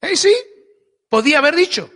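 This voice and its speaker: High, bright Argentine preacher in a hall. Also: male voice, lively intonation, moderate pace. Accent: Argentine Spanish. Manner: emphatic preaching with frequent rhetorical "¿eh?" and repetitions. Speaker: pastor. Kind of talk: sermon. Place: church hall. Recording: echoey church hall.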